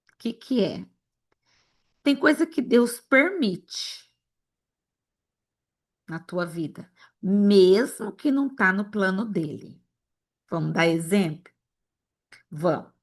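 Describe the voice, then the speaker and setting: A woman from Brazil teaching an informal Bible lesson to an online group. She talks straight to the group and acts out little dialogues as she goes. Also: a little high.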